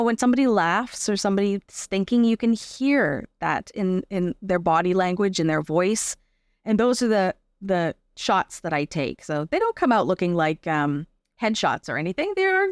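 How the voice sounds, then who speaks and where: In a clean, dry studio recording, a Canadian woman guesting on an interview talks about her work as an artist and arts accessibility advocate. She sounds conversational, often checks in with her listener, and speaks at a normal pace with a medium, expressive voice.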